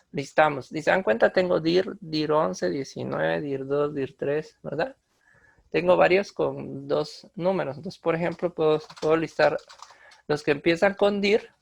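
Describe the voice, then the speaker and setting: A man with a fairly high, gravelly voice walks through computer commands step by step in a screen-recorded tutorial. As the instructor, he uses frequent fillers and often restarts his sentences.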